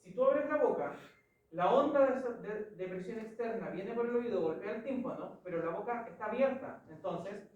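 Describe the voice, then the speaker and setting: A woman's voice: mid-range voice, expressive, normal speed, a little mellow, far from the mic, lo-fi sound. A woman with a Chilean accent teaching an anatomy class, explaining step by step and putting questions to the students. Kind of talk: classroom lecture. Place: large classroom. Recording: echoey classroom from afar.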